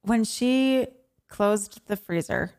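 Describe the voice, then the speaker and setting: A woman's voice: mid-range voice, takes it slowly, a little mellow. A woman co-hosting a podcast, talking in a chatty, emphatic way and laughing easily. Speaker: podcast co-host. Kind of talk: casual chat.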